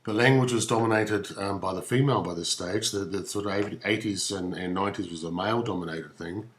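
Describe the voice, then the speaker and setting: A man's voice: sits low, fairly quick. Dry New Zealand man, mock lecture. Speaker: comedy musician. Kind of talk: comic stage monologue.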